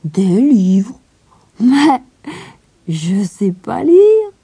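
Woman putting on a bright little mountain girl. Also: big pitch swings, very slow, husky, dry recording, full character voice. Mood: eager, innocent. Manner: high, eager and earnest. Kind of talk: storybook reading. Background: music.

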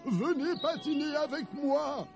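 A man voicing a clumsy, cheerful male lion king in a children's audio story, speaking slowly and earnestly. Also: sits high, expressive, over music. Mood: delighted. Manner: slow, earnest, eager.

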